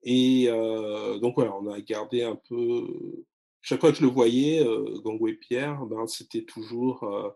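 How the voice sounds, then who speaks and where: Hesitant man with a mellow voice. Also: medium pitch, steady tone, slow pace, vocal fry. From France and Congo-Brazzaville. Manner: hesitant, many fillers and restarts. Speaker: guest, literary blogger. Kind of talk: casual interview talk.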